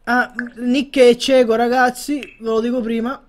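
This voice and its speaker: A man's voice: extremely high pitch, level tone, unhurried. A man, casually commentating a life-simulation game and joking about the characters. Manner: chatty, joking, narrates characters' thoughts. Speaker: gaming commentator. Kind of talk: casual Let's Play commentary.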